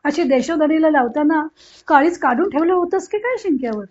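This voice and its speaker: Woman voicing a fierce, teasing older aunt, blunt scolding talk, high voice, dull lo-fi sound. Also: animated, a little fast, darkish tone, slight background noise. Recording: dull lo-fi recording.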